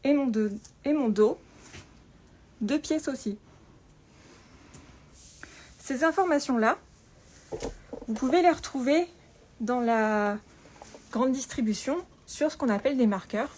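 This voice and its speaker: A woman presenting an informal tutorial through a face mask, speaking carefully and deliberately with frequent pauses and a slightly muffled sound. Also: sits high, a little mellow. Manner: careful, deliberate, often pausing. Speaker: patternmaker presenting a lesson. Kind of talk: spoken tutorial with informal explanations. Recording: clear background room noise.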